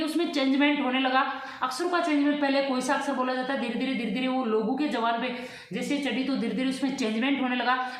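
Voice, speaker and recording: Female teacher, high voice, quizzes then answers herself, very echoey room. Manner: asks questions then answers them herself. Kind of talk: exam-prep lecture.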